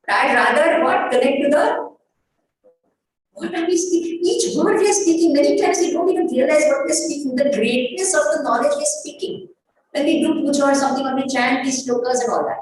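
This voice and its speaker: High-voiced woman teaching, echoey room. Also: brisk. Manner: emphatic, asks rhetorical questions and answers them. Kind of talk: spiritual discourse with chanted Sanskrit verses. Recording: echoey room, distant mic, faint noise.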